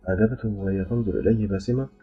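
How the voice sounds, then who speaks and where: Husky low-voiced male storyteller. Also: fairly even intonation, racing. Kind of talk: scripted audiobook narration. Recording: dull lo-fi with faint music.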